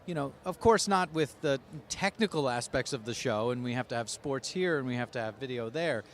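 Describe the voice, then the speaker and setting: This podcast host has a mid-range voice, lively intonation, and a slightly fast pace, with a little hiss or hum in the audio. He opens with an emphatic, upbeat scripted intro and sponsor spots, then chats softly and casually in an interview with a guest.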